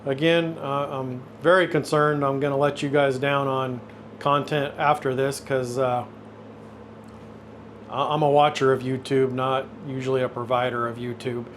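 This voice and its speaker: In a casual, unscripted YouTube intro and phone interview, a man in his fifties hosts in a hesitant, self-effacing way. His voice is medium-pitched, level and a bit bright, at a moderate pace, with slight background noise.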